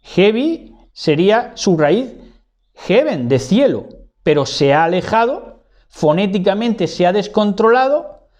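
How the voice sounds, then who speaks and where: A man's voice: high-pitched, big pitch swings, unhurried, darkish tone. A man giving a didactic monologue, repeating key words and tagging his points with "¿verdad?". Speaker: lecturer.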